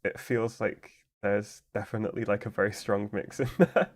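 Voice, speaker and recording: A man with a fairly low voice chats casually while streaming a game. He explains things at length in a loose, rambling way, leaning on "like" and restarting his sentences. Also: steady tone, moderate pace, a little hiss or hum. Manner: rambling, explanatory, heavy use of "like".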